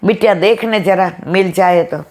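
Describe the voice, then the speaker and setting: A woman quoting a kindly, devout elderly woman pilgrim who speaks gently in broken Hindi. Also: mid-range voice, normal speed, natural voice. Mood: pleading.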